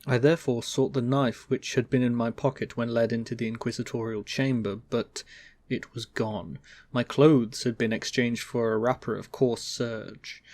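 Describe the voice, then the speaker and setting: A man giving a theatrical dramatic reading of a gothic horror story as narrator, with emphatic swells and drawn-out phrases. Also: mid-range voice, a little mellow, dry recording.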